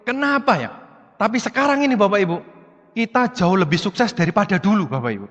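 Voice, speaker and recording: A man giving an animated motivational seminar talk, repeatedly addressing his audience directly. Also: high voice, fast talker, lo-fi sound. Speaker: motivational speaker. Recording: long hall reverb.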